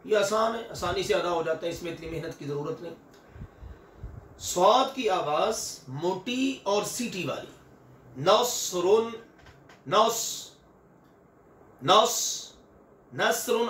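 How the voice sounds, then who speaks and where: A man's voice: high voice, fairly bright tone, echoey room, far from the mic, slight background noise. An older man teaching Quranic recitation, patiently repeating and stretching each example sound. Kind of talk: recitation lesson with drawn-out examples.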